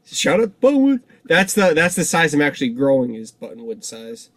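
A man's voice: on the high side, big pitch swings, fairly quick, fairly bright tone, no room sound. A young man hosting a casual podcast, rambling with lots of fillers and laughing often. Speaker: podcast host. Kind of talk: casual chat.

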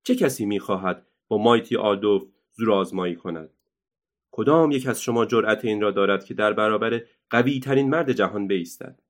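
A man voicing a loud, boastful, quick-tempered male circus ringmaster who announces like a showman in a storybook reading. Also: lowish voice, close to an everyday voice.

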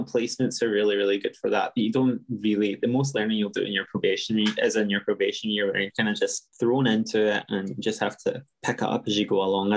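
Young scottish teacher guy, low voice, pretty flat delivery, chatty and frank. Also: rough recording. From Scotland. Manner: frank, self-deprecating, many restarts. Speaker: teacher, interview guest. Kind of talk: casual interview talk.

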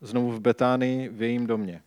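A man's voice: medium pitch, no echo. Man reading scripture in a dry room. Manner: calm, measured, reflective reading. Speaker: scripture reader and preacher. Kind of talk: Bible reading with reflection.

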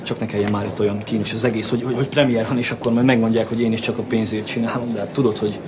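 A man's voice: fairly low pitch, level tone, noisy background, lightly acted. An actor as Józsi, a fired-up unpaid man. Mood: pleading. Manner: pleading, then shouting and cursing. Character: unpaid man desperately demanding his overdue fee. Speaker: film character.

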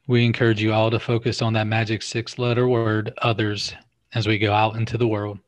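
A man co-hosting a podcast, closing the show in a calm, measured way. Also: fairly low pitch. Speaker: podcast co-host. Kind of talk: podcast sign-off.

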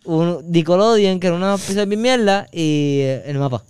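A man's voice: high voice, moderate pace, a little mellow, clean tone, dry recording, clean studio sound. A man from Puerto Rico with a Puerto Rican accent, telling a long casual story on a podcast, full of fillers and crude slang. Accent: Puerto Rican Spanish. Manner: rambling anecdotes with many fillers and crude slang. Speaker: podcast co-host.

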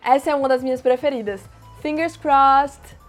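A woman teaching everyday English phrases, explaining plainly and repeating each phrase slowly. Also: high-pitched, faint music behind. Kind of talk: casual language lesson.

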